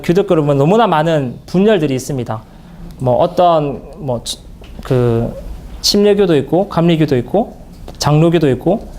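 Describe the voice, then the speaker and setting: A man speaking at a church Bible seminar in an earnest, halting way, with many fillers and restarts. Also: a little high, darkish tone, slight background noise.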